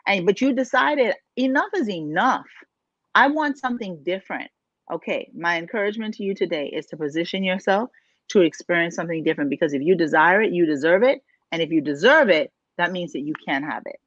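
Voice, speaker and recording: A woman's voice: on the low side, lively intonation, fairly quick, no room sound. Emphatic woman coach from the Bahamas. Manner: emphatic, preachy, asks rhetorical questions. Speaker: life coach and podcast co-host. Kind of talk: motivational podcast talk. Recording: dull, dry, lo-fi sound.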